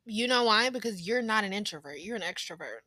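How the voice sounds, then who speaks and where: Woman podcast host, bright tone, dry close mic, chatty and laughs a lot. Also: mid-range voice, quick pace, dry recording. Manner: laughs often, chatty and animated. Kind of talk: casual family chat.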